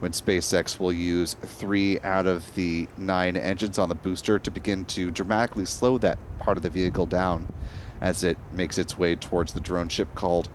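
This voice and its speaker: A man's voice: low-pitched, flat delivery, normal speed, slight background noise. A man hosting a live launch webcast, explaining events in a composed way.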